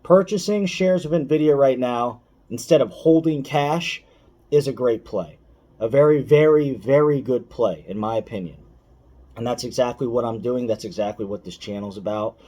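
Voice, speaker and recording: A man with a dark-toned, medium-pitched voice speaks at a normal speed, offering casual, opinionated finance commentary to online viewers. He talks emphatically, repeats his key points, and addresses the listener directly.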